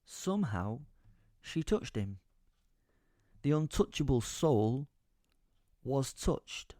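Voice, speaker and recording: In a dry recording, a man with a mellow, mid-range voice and big pitch swings delivers slow, theatrical first-person audio drama narration. He plays a brooding, foul-mouthed male werewolf, exasperated and full of helpless rage, recounting his own story in a bemused mood.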